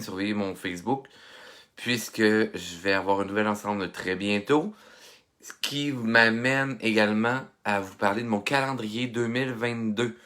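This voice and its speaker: A man's voice: lowish voice, fairly bright tone. A man with a Québécois accent, a little stuffy from a head cold, chatting through a casual live art tutorial and greeting viewers by name. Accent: Québécois French. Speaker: art instructor hosting a live stream. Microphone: phone.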